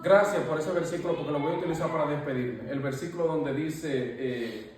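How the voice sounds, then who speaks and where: A man's voice: fairly high pitch, a little fast, darkish tone, slight background noise. Emphatic man preaching in an echoey room. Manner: emphatic, repeats phrases, often turns to the pastor. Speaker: bible study participant. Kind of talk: preachy teaching. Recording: echoey room, far from the mic.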